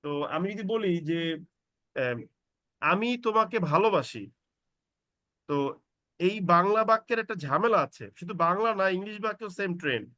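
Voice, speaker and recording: A man leads an online English class, his voice sitting high and bright. He works through each rule patiently and stretches out his example sentences so students hear every pause. The sound is close and dry, with no room around it. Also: expressive, dry recording. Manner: explains slowly, models pronunciation with drawn-out examples. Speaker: English teacher.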